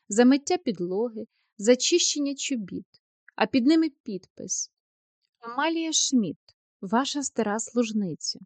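Proud young female clerk, cold and reproachful, slightly high voice, read by a woman. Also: no echo. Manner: cold, reproachful, turning tearful. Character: proud young woman, post office clerk, wounded and indignant. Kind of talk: audiobook character reading.

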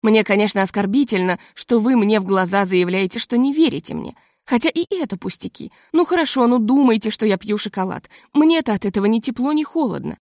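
A woman reading an audiobook voices a proud, educated woman trying to stay calm while indignant. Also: fairly high pitch, fairly quick, hardly any pauses, dry recording, studio quality. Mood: strained calm.

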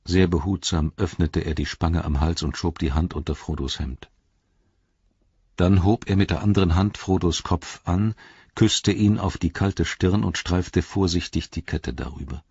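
A man narrating an audiobook in a slow, sombre and measured reading. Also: low-pitched, vocal fry, darkish tone, slightly rough, no echo, highs cut off. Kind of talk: scripted narration.

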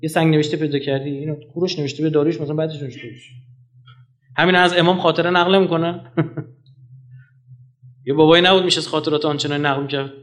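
A man giving a public lecture in an animated, argumentative way, firing rhetorical questions and swinging from loud to soft. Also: fairly high pitch, long pauses. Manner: animated, rhetorical questions, sharp jumps in loudness; mocking, argumentative.

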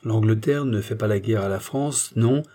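A man's voice: on the low side, moderate pace, dark tone, natural voice. A man reading the part of a proud, fiery middle-aged statesman in an audiobook, speaking in an impassioned, declamatory way.

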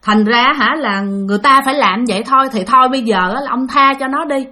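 A woman's voice: high voice, fast talker, pushed and bright. A woman playing a patient older exorcist. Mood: coaxing. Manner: patient, coaxing, bargaining. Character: calm older male exorcist master.

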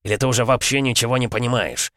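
A man voicing a cynical middle-aged police chief who scolds sternly and coaxes with false gentleness. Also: medium pitch, quick pace, no room sound, studio quality, voice pushed up, natural voice. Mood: scolding.

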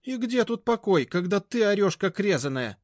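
A man doing a scolding old grandmother, high loud voice, bossy, dry sound. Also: very animated, fairly quick, no room sound. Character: feisty sharp-tongued older grandmother.

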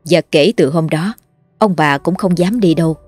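A woman narrating a horror story in a measured, dramatic way. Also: lowish voice, darkish tone, dry recording. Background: faint music.

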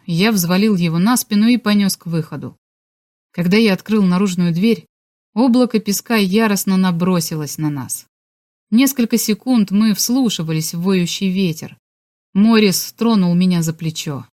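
A woman reads a novel aloud in an even, measured narrating voice. Her pitch sits in an ordinary middle range, and the sound is dry and close with no room around it. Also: no room sound. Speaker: audiobook narrator. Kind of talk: scripted audiobook narration.

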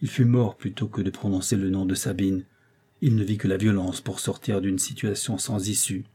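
A man narrating a classic novel in a measured storytelling manner. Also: sits low, flat delivery, dark tone, slightly rough. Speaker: audiobook narrator. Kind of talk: scripted narration.

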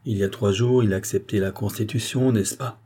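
An earnest, urgent statesman, read by a man lays out his warnings point by point. The voice is mellow and a little husky, pitched slightly up and pressing. It sounds like a classic novel read aloud as an audiobook. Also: steady tone, a little fast. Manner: urgent, explanatory pleading. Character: earnest male politician warning a queen.

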